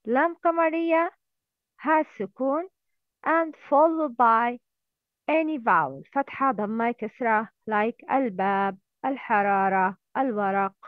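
A woman teaching a lesson slowly and carefully, repeating words for her learners. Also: a little high, smooth, dry recording. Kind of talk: slow step-by-step lesson. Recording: dry, tinny phone-like sound.

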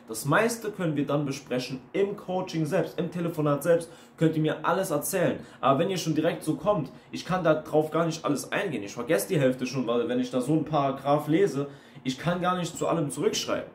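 A man's voice: fairly high pitch, a little fast. A man, an online coach, giving a blunt, ranting monologue full of emphatic repetition. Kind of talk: casual monologue video. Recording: roomy with faint noise.

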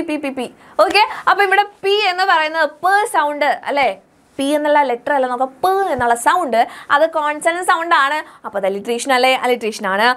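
A woman teaches an English lesson in a high, bright voice. She explains step by step and keeps checking with her pupils through questions. She reads English example sentences slowly, sounding out each word. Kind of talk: online class lesson.

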